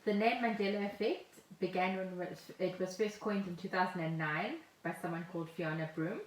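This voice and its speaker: This South African woman has a lowish, steady-toned voice and a brisk delivery, telling stories with humor as a podcast co-host in a casual chat. She's at home indoors, heard over a remote call with roomy echo and faint noise.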